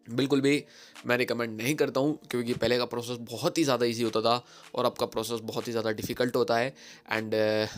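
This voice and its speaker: Guy explaining phone firmware stuff, mid-pitched, lots of uh's, faint music behind. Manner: chatty, many fillers, mixes English phrases into Hindi. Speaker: tech channel host. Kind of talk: casual tech explainer.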